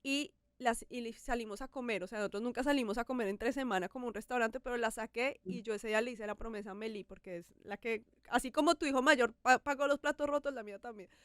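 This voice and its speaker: A woman's voice: on the high side, fast talker, few pauses, no room sound, studio quality. A woman hosting a podcast, talking candidly and with animation about her own life. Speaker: podcast host. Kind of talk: casual podcast conversation.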